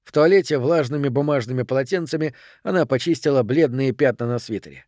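A man narrating an audiobook in a steady, even reading voice. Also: medium pitch, quick pace, dry recording, studio quality. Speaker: audiobook reader. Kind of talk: scripted narration.

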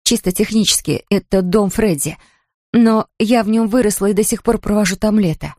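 A woman's voice: medium pitch, moderate pace, a little mellow, dry recording, clean studio sound, natural voice. A woman reading an audiobook, voicing a flustered young heroine who talks plainly and hesitantly.

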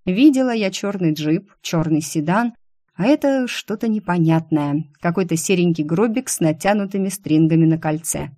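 A woman narrating a first-person audiobook in a wry, lively storytelling manner. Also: on the low side, normal speed, no echo, studio quality.

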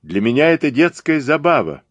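A fearless young female acrobat in an audiobook, voiced by a man. She sounds cheeky and confident, a touch higher than the narration, recorded close and dry. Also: very animated, brisk, no echo. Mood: teasing.

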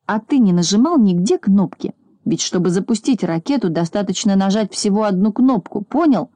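A woman voicing a boastful, quick-tempered little boy in a children's storybook, bossy and scolding. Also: medium pitch, dry recording, natural voice. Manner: bossy, scolding, easily excited.

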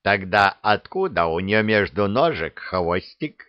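Storybook dragon, old, huffy and grumbling, read by a man, slow and lecturing. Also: on the low side, sing-song, no echo. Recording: dull dry recording.

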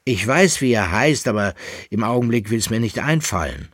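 A man's voice: fairly low pitch, lively intonation, moderate pace, a bit bright, dry recording, clean studio sound, pitched above the performer's own voice. A man reading aloud, voicing a young army officer who is earnest and easily flustered.

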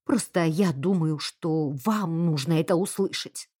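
A woman reading an audiobook voices a sensible woman servant who scolds firmly in a lowered voice. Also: unhurried, warm tone, breathy edge, no room sound, clean studio sound. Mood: stern.

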